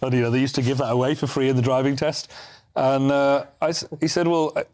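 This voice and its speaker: A man's voice: mid-range voice, little pitch movement, fast talker, darkish tone. A man from Britain, a charity volunteer guest, telling a story in a chatty, anecdotal way. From United Kingdom. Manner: chatty, anecdotal, with restarts and asides. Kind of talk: casual interview storytelling.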